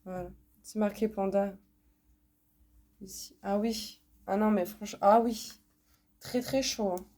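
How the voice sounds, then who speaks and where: Slow-talking woman with a stuffy nose. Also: mid-range voice, steady tone, warm tone. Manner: chatty, repeats words, many fillers. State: congested, talking through the nose from a cold. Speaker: vlogger showing a haul. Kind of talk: casual unboxing chat.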